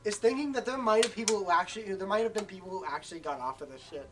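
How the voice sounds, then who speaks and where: A woman co-hosting a comedic fan fiction reading, reacting with loud, profane disbelief. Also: medium pitch, racing, noisy background.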